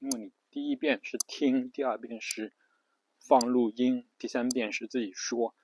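A man's voice: mid-range voice, steady tone, moderate pace, a little mellow, slight background noise, low-quality recording. A man giving a casual spoken lesson on pronunciation, repeating himself often, with words. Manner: repetitive, lots of fillers and restarts, spells letters out. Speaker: English pronunciation teacher.

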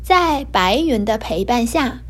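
A woman hosting a children's learning program, reading a picture book aloud with gentle expression. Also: a little high, animated, slow. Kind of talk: storytelling for children.

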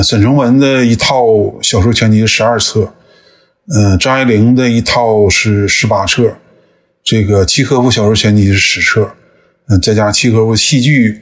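A man in his fifties from northeast China speaks as a podcast guest, slightly low and husky, his speech measured and thoughtful. He stops often with small hesitations as he works through his answers. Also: steady tone. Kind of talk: conversational interview.

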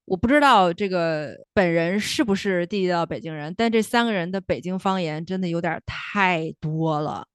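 A woman's voice: lowish voice, moderate pace, few pauses, clean tone, no room sound, studio quality. A woman from northern China co-hosting a chat show, talking through her views carefully, with hedges, fillers and restarts. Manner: thoughtful, hedging, many fillers and restarts. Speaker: podcast co-host, comedy critic. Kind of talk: casual critical chat.

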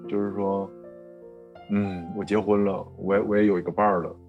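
A man telling his own story in a soft-spoken, halting, heartfelt way. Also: sits low, flat delivery, phone-quality sound, faint music behind. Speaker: story guest. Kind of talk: personal storytelling.

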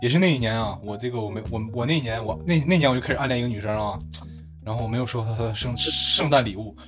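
A young man, co-hosting a podcast and telling a story in a casual, animated way with frequent laughs. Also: mid-range voice, racing, music in the background. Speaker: podcast co-host.

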